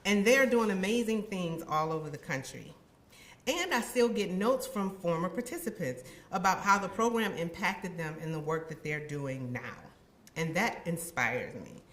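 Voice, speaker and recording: A woman giving a heartfelt ceremony speech as a university administrator, expressive and acting out her own past thoughts. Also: lowish voice, normal speed. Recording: echoey room.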